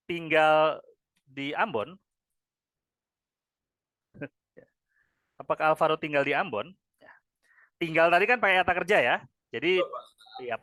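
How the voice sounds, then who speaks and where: Indonesian male teacher, bright and a bit high, patient drilling style, tags phrases with "ya", dry close mic. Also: no echo. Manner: repeats "ya" after each phrase, drills answers with students. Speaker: English teacher. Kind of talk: classroom grammar lesson.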